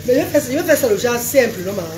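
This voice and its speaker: Woman, casual live stream, animated, echoey room, faint noise. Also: fairly high pitch, racing. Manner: animated, calls viewers "maman", sings out names.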